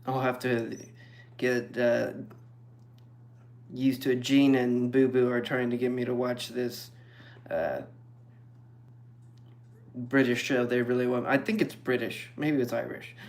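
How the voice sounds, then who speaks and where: A man streaming and chatting casually with viewers, relaxed and rambling. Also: mid-range voice. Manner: relaxed, rambling, slow and even. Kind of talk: casual chat.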